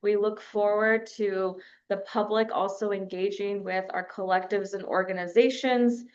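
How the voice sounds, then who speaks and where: A woman from New Mexico speaking at a press conference, measured and pausing often on fillers. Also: medium pitch, fairly even intonation, dull audio. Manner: measured, with frequent filler pauses.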